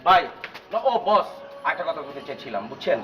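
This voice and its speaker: An actor playing an eager, deferential young sidekick who speaks. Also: male voice, a little high, expressive, fairly quick, lo-fi sound, background noise, natural voice. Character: fawning young male sidekick.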